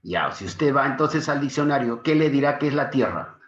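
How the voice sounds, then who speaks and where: A man's voice: medium pitch, moderate pace. A man teaching a secondary school literature class online. He keeps asking his students questions and calls them his dear students. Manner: animated, questions students often, affectionate teacherly asides. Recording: echoey room, dull lo-fi sound.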